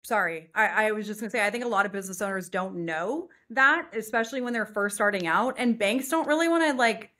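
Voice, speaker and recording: A woman who heads a company, a guest in a casual business podcast chat, chiming in with quick agreement. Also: mid-range voice, sharp tone.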